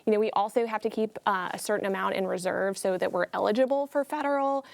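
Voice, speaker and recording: A woman speaking as a former state senator on a political panel, measured and thoughtful, with some fillers. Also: mid-range voice, vocal fry, dry recording. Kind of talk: studio panel discussion.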